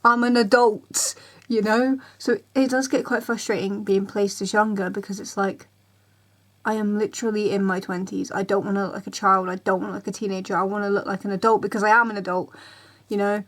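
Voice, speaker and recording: A woman in her 20s talks casually straight to camera in a ranting vlog, her mid-range voice brisk and fairly even in intonation. She's chatty, rambles, repeats herself, and acts out other people's reactions.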